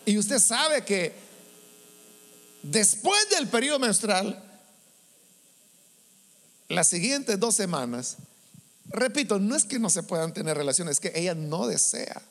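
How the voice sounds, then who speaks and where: A man's voice: sits high, big pitch swings, slow, long pauses, fairly bright tone. A man preaching to a congregation, asking rhetorical questions and acting out the voices he quotes. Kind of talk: sermon to a congregation. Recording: long hall reverb with mains hum.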